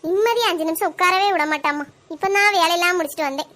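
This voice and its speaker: A woman's voice: very high voice, fast talker, fairly bright tone. A woman voicing a scheming, nagging older mother-in-law in a cartoon, with a Kanyakumari Tamil accent and grumbling muttered asides. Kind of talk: cartoon voice acting.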